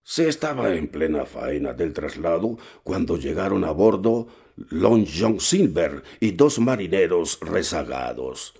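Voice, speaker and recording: A man reading a novel aloud as narrator, steady and measured with occasional hesitations. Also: deep voice, creaky, slightly rough. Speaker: audiobook narrator.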